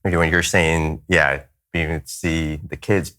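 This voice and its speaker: A man's voice: rumbling low, level tone, pushed and bright. A man serving as a chaplain, speaking earnestly in a roundtable discussion with frequent restarts. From United States. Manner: earnest, halting, with many restarts.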